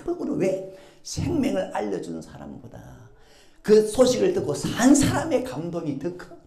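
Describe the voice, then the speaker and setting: A woman's voice: mid-range voice, huge pitch swings, normal speed, creaky, warm tone. A woman pastor delivering a sermon in a church, emphatic and throwing rhetorical questions to the congregation. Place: church sanctuary. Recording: echoey church sanctuary.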